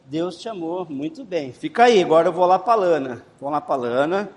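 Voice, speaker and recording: A man's voice: a little high, lively intonation, moderate pace, darkish tone. A man teaching a children's Bible class, coaxing and encouraging them and repeating instructions. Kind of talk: leading a children's game. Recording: echoey room, faint background noise.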